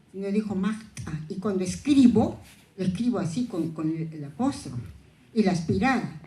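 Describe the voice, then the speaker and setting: A woman's voice: mid-range voice, dark tone. Reflective Quechua-native woman in an echoey hall. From southern Ayacucho, Peru. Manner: reflective, anecdotal, with frequent restarts. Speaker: panelist. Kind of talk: conference talk.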